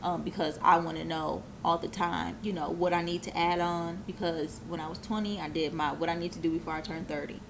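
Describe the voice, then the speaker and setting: In a noisy setting, a businesswoman in her twenties talks as an interview guest, speaking briskly with few pauses in a fairly low, creaky voice with a steady tone. Her casual talk is earnest and reflective, peppered with filler phrases.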